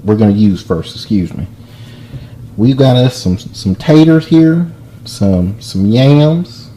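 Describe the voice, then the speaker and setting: A man putting on a Southern drawl to play a folksy country cook giving a joking cooking lesson in a deadpan way. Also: mid-range voice, takes it slowly. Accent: put-on Southern US drawl. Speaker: home cook. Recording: echoey room with faint noise.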